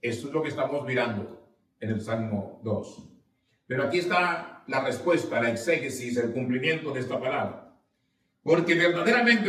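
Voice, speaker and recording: A man's voice: on the high side, fairly bright tone. Man, pastor, sermon, rhetorical questions, echoey sanctuary, distant mic. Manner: preaching with call-and-response questions; reads scripture aloud with rising emphasis. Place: church sanctuary.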